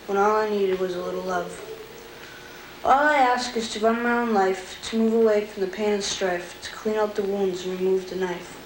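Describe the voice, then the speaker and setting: A nineteen-year-old woman reciting her own poem and reading records aloud in a plain, earnest way, with some halting restarts, heard from a worn VHS tape copy. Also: mid-range voice, rough recording. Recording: hissy worn videotape copy.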